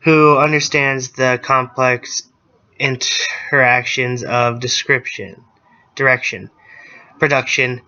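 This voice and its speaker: A man's voice: mid-range voice, steady tone, slow pace, sharp tone. A man giving wry, sarcastic casual banter as co-reader during a mock reading. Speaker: co-reader and commentator. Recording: dull lo-fi recording.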